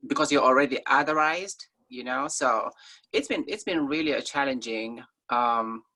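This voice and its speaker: A woman's voice: a bass voice, normal speed, pushed and bright. A woman from Somalia, a guest in a conversational interview, talking in an earnest, thoughtful way with frequent ums.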